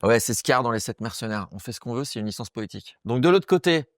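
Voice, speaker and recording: A man delivering a rambling, slangy comic monologue to camera, crude and excitable, dropping into quick voices. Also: medium pitch. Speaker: comedic monologue host. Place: small room, close to camera.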